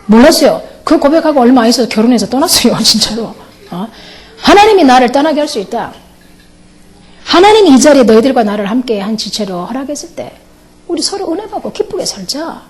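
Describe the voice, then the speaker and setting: A middle-aged pastor's wife giving a lively testimony sermon, laughing often and mimicking other people's voices. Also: female voice, high voice, a little fast.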